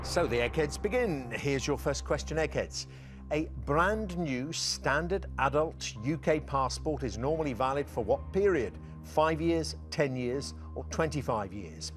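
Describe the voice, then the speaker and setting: A man's voice: on the high side, expressive, unhurried, over music. A man hosting a television quiz show, reading questions and joking with contestants between laughs. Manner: jokey, laughs between lines. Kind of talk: scripted presenting and friendly banter.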